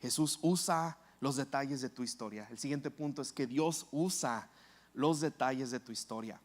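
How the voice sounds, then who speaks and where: A man's voice: medium pitch, moderate pace. A man preaching a sermon as pastor, telling a story and acting out the quoted lines.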